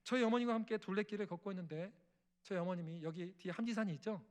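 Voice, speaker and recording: A man's voice: high voice, fast. A middle-aged male missionary preaching an emotional testimony sermon in a church, acting out family dialogue and prayers. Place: church sanctuary.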